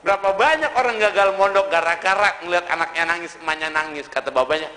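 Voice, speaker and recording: A man, preaching a lively, joking sermon in colloquial slang to a mosque congregation. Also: high-pitched, quick pace. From Indonesia. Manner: lively humorous storytelling in Betawi-style slang. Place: mosque hall. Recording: reverberant mosque hall.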